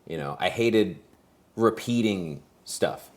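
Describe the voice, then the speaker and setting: Deep-voiced man in rambling casual chat. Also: animated, slow pace, darkish tone. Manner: rambling, reflective, searches for words. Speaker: co-host.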